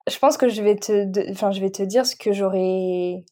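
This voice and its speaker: A woman from France speaks as a podcast guest, her voice soft and warm rather than bright. She talks casually and openly, reflecting as she goes, with frequent halting restarts. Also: medium pitch. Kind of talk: casual conversational interview.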